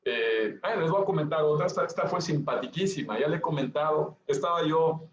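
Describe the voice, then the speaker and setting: Male pastor, high voice, emphatic repeater, roomy lo-fi church recording. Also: fairly quick. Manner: emphatic repetition, addresses listeners directly. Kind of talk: sermon. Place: church hall. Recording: echoey, dull lo-fi church recording.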